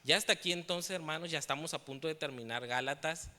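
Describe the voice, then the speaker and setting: A man's voice: fairly high pitch, quick pace, big-room sound. A man with a Mexican Spanish accent preaching a sermon in church, sharing personal testimony and asking the congregation questions. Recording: loud music behind the voice.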